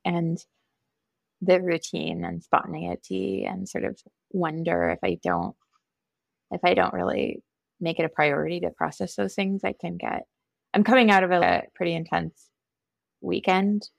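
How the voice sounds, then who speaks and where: A woman's voice: fairly low pitch, gravelly, no echo. A woman with a Minnesotan accent, a podcast guest talking in a reflective, hesitant, self-deprecating way. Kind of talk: candid conversational interview.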